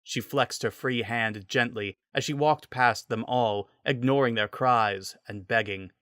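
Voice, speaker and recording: A man's voice: medium pitch, unhurried, a bit bright, no echo, clean studio sound. A man reading a scripted story as its narrator, in a dramatic style.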